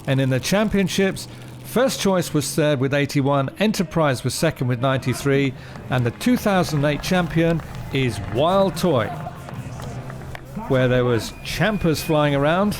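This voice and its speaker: A man's voice: a little high, lively intonation, a little slow. A man commentating as a tractor pull announcer, calling runs and distances in a motorsport style. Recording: loud engine and vehicle noise. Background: roaring tractor engines.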